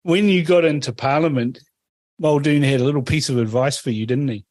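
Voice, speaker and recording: A man's voice: mid-range voice, a little fast, darkish tone, no room sound. A man hosting a talk radio interview, prompting his guest conversationally. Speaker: radio host. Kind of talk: interview questions.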